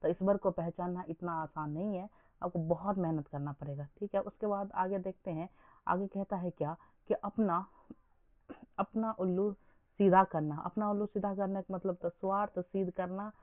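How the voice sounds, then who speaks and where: High-voiced man teaching over a tinny line. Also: steady tone, normal speed, no echo. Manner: quizzing listeners with repeated questions. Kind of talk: exam coaching lesson. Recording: dry, phone-like lo-fi sound.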